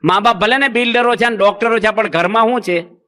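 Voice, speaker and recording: A monk delivering a folksy sermon, telling stories and asking the audience rhetorical questions. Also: male voice, high-pitched, a little fast, pushed and bright.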